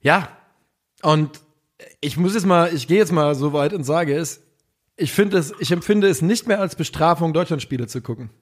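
Ein Mann, der als Co-Host locker und begeistert über Fußball plaudert, mit lässigem Slang. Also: male voice, on the high side, moderate pace. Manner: enthusiastic, slangy, self-deprecating. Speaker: podcast co-host. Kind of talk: casual football chat.

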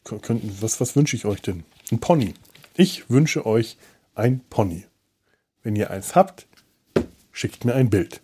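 On a sofa indoors, a man hosts a podcast in a loose, rambling solo monologue, hesitant and thinking aloud with a wry, self-deprecating air. His voice sits on the low side with lively intonation, unhurried and pausing often, and there's background noise.

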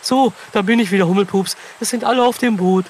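Kids' audio story: man voicing an upbeat lightning horse, high, bouncy and exclamatory, faint hiss behind. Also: quick pace, lightly acted. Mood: excited. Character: eager cheerful young male lightning-fast horse. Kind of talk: children's audio story acting.

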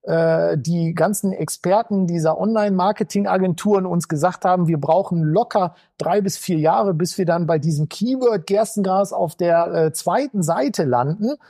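A man's voice: high voice, normal speed, few pauses, warm tone, dry recording, clean studio sound. A man talking casually as an interview guest from his shop, rambling with lots of filler sounds. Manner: rambling, many filler sounds, acts out quoted voices. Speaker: entrepreneur guest.

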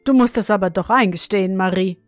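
Woman doing a rasping old clockmaker godfather. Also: medium pitch, quick pace, no room sound, faint music behind, lightly acted. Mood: coaxing. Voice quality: rasping, monotone when singing. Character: odd old godfather, clockmaker, gruff and whimsical.

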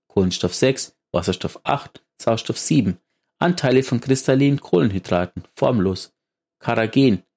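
A man's voice: medium pitch, darkish tone, close to an everyday voice. A man reading aloud as a young woman engineer, fretful and thinking aloud.

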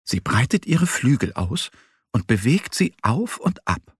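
Mann, Kinderhörspiel-Erzähler, langsam, rauchig-knarzig, trockener Studioklang. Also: male voice, mid-range voice, breathy edge, dry recording, studio quality. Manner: slow, animated storytelling. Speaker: narrator. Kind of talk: scripted narration of a children's story.

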